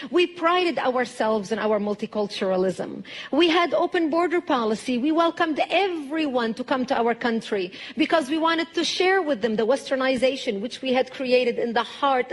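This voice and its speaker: A woman recounts her country's past in a measured, earnest speech. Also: high-pitched. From Lebanon. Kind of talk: recorded speech testimony.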